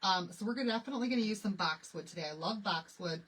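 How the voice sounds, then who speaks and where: Her medium-pitched voice is husky and a bit bright, and she talks fast. She's a craft livestream host with a Michigan accent, chatting, laughing often, and responding to viewers as she works, all on a rough recording.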